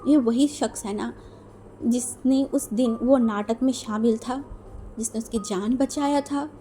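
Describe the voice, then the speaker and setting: A woman's voice: fairly high pitch, unhurried, warm tone, faint music behind. Chatty woman telling a story. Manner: chatty, mixing English words into Hindi. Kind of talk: casual narration of a fan story.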